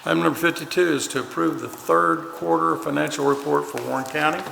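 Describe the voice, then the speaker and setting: A man's voice: fairly high pitch, steady tone, fairly quick, creaky, pushed and bright. A man presiding over a county court meeting, reading agenda items in a plain businesslike way. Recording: echoey chamber with long reverb and faint noise.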